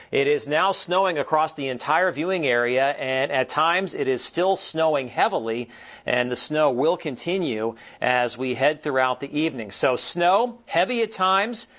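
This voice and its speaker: An American man presenting a TV weather forecast in an explanatory, ad-libbed broadcast style with measured emphasis. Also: a little high, fairly bright tone.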